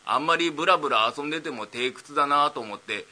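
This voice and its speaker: A man voicing a dim-witted idle young man nearly thirty, rambling slowly in rakugo storytelling. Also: a little high, sharp tone.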